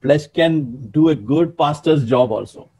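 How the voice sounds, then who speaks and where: Over a webcam in a small room, a pastor in his sixties delivers a sermon at a measured pace in a husky, rather high voice. He's emphatic and animated, frequently calling out to listeners. The recording is rough.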